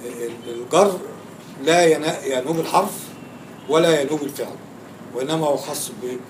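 A man's voice: fairly high pitch, moderate pace, background noise. Egyptian man teaching grammar, quizzing students. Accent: Egyptian Arabic. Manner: quizzing students, repeating and stressing key words. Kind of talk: classroom lecture with questions to students.

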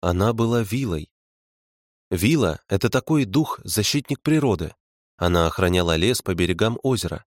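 A man's voice: deep voice, no echo. A man narrating an audiobook in the first person, with a dry, wry storytelling manner.

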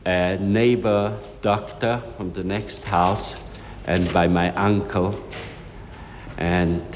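Slow, deep-voiced male witness in a hall. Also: darkish tone. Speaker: witness giving testimony. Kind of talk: archival testimony in English. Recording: old archival recording in a large hall with faint noise.

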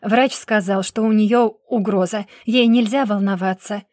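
Woman voicing a steady, protective young husband. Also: mid-range voice, unhurried, no echo, studio quality, lightly acted. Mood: firm. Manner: steady, urging calm.

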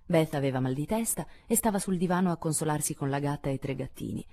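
A woman narrating a classic novel as an audiobook, measured and expressive, dropping her voice for quieter passages. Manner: measured, expressive, lowering for asides. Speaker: audiobook reader.

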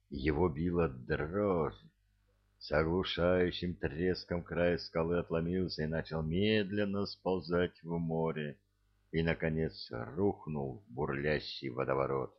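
A man narrating an audiobook in a measured, dramatic storytelling manner, in a dull lo-fi recording. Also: deep voice, gravelly. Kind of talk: audiobook reading.

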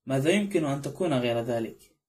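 A man reads a doctor in an audiobook who is soothing yet curt. The voice is mellow and dark, barely set apart from the narration. He speaks quickly. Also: medium pitch, expressive, lightly acted. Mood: calm. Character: calm, brisk male doctor.

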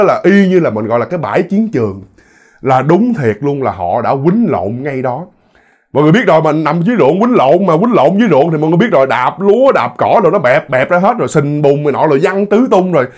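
Chatty male storyteller. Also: on the high side. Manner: chatty, addresses listeners directly, repeats words for effect. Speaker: ghost story narrator. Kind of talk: casual spoken storytelling.

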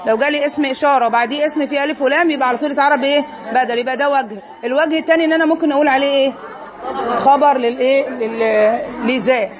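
A woman teaching a class in a quick Egyptian-accented voice, throwing out questions and supplying the answers herself. Her voice sits high. A crowd of students can be heard clearly behind her. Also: fairly even intonation. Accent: Egyptian Arabic. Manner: poses questions then answers them herself. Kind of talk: classroom lesson.

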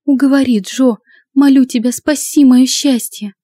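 Woman voicing a tiny, tearful young woman in an audiobook, pitched way up and pushing louder, urgent and breathless, mellow tone in a dry booth. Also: fairly even intonation, moderate pace, no echo. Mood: pleading.

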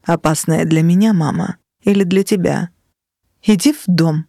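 A woman's voice: fairly low pitch, moderate pace, vocal fry, dark tone, dry recording, studio quality. A woman voicing a cold, domineering sorceress mother in an audiobook, speaking in an icy, scolding, sharply emphatic way. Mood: cold scorn. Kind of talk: audiobook character reading.

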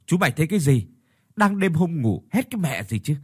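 A male narrator voices a groggy young man roused from sleep and scolding a friend. His husky voice is pitched up and gruff. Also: sing-song, brisk, darkish tone, no room sound, studio quality. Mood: irritated.

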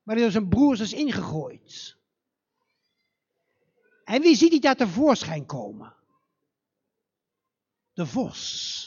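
A male storyteller tells a fairy tale live in a church, slow and dramatic, his high voice swooping widely. His tone is breathy and husky. The recording is dull and muffled. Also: big pitch swings.

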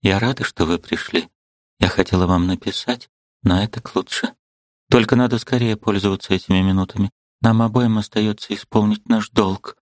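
A man reading an audiobook and voicing a sad, restrained young woman who speaks quietly, firmly and pleadingly. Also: fairly low pitch, steady tone, normal speed, dry recording, studio quality, lightly acted.

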